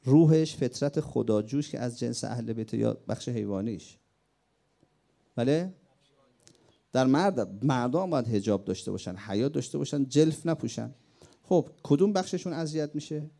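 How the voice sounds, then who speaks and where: A man's voice: medium pitch, lively intonation, gravelly, mellow. A middle-aged man from Iran preaching a sermon, telling war memories and questioning his audience with emphatic outbursts.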